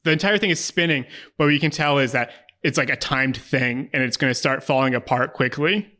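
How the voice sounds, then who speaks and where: A man improvising narration as a tabletop game master, casual and descriptive, halting as he searches for words. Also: medium pitch, bright, forceful tone.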